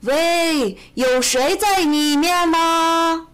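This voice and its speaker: A woman voicing a slow, friendly pig who calls out loudly in a children's storybook. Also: extremely high pitch, voice pushed up, heavily acted. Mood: calling. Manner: calling out slowly and loudly.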